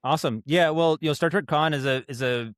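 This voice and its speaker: His pitch runs fairly high and his pace brisk, captured in a dry, studio-quality recording. He's an American-accented guest from Maine, United States, who writes and directs audio drama. Casually telling stories in an interview, he meanders and performs animated asides.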